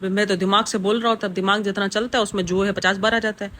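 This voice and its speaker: A woman's voice: mid-range voice, flat delivery, fast talker, fairly bright tone. A woman, rambling through a casual reaction vlog with lots of fillers. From Pakistan. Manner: chatty, rambling, with many fillers. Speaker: reaction vlogger.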